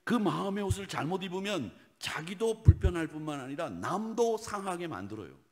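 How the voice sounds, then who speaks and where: A man preaching a sermon as pastor, animated and talking straight to his congregation, dropping at times to hushed asides. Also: high-pitched, fairly quick. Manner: animated, swings from loud exhortation to hushed whispered asides; talks directly to the congregation with questions. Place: church sanctuary.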